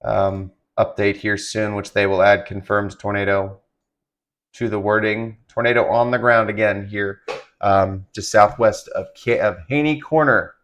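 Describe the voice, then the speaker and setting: A man doing live severe weather commentary, halting and improvised, giving urgent and direct warnings to listeners. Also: on the low side, fairly even intonation, a bit bright. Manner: halting, improvised phrasing with repeated restarts. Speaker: live-stream weather broadcaster.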